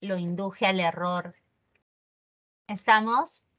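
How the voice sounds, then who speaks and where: A woman's voice: mid-range voice, slow, bright, forceful tone. A woman teaching a grammar lesson, correcting common mistakes and checking with the class through rhetorical questions.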